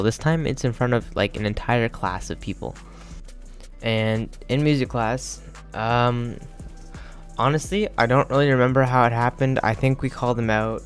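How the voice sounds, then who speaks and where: A young man telling a crude, joking story in a rambling, casual way, full of fillers. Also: mid-range voice.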